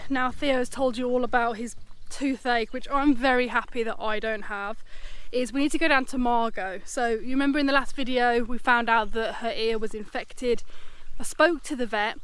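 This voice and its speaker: A woman's voice: on the high side, steady tone, normal speed, smooth, no echo. A woman hosting a vlog, giving casual, chatty updates to camera. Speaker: vlog host.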